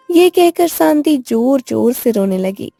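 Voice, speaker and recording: Gravelly woman storyteller. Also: sits high, dry recording. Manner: plain, even storytelling. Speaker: narrator. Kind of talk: scripted story narration.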